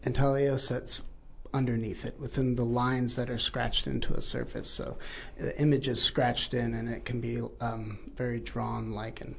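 A gravelly-voiced man talks through printmaking techniques as an interview guest. He explains patiently, filling gaps with ums and uhs. The recording sounds muffled and lo-fi. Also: mid-range voice, flat delivery, normal speed, few pauses, fairly bright tone. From born in New Zealand, raised in Texas. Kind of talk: casual interview.

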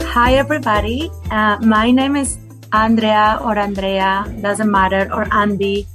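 A Colombian woman in her forties, a guest speaker, gives an earnest personal talk on well-being in English with a Colombian Spanish accent and non-native phrasing, addressing listeners directly. Her medium-pitched voice is flat, unhurried and a bit bright. Faint music plays behind her, and the audio is poor.

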